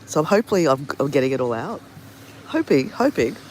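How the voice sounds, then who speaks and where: A travel vlogger with the flu and a sore throat speaks a little fast in a fairly high, nasal voice full of big pitch swings. Live from an outdoor beach with his phone at arm's length, he rambles chattily and greets viewers by name; the recording is rough, with slight background noise.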